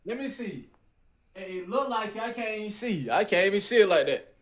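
A man's voice: high voice, brisk. A young man reacting on a video call in casual, rowdy, slangy chat with plenty of swearing. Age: young adult. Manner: animated, profane, slangy. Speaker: guest reactor to amateur rap songs. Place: indoor room, video call.

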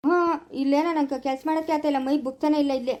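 A woman's voice: high-pitched, level tone, quick pace, dark tone, lightly acted. A woman playing a stubborn young male farmer and father in a rural family drama. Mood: insistent.

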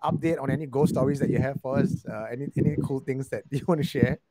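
A man's voice: mid-range voice, steady tone, quick pace, warm tone, slight background noise. A male host of a live talk stream, easygoing and chuckling often as he talks with a guest. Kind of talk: casual chat on a live stream.

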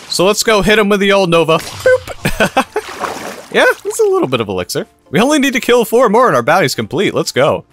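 A man's voice: a little high, fairly bright tone. A man from Kentucky giving upbeat, jokey gameplay commentary, laughing often. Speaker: gaming YouTuber.

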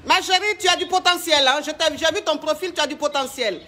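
A man's voice: very high voice, fairly quick, pushed and bright. A man hosting a comic call-in show as a flamboyant, bossy self-styled coach who mixes broken English with French.

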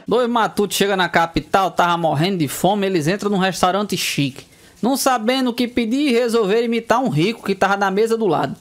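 A man's voice: fairly quick, a little hiss or hum. A male comedian from Northeast Brazil telling a run of jokes about country folk, jumping into character voices for the punchlines. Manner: lively storyteller, jumps into squeaky character voices. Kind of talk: joke telling.

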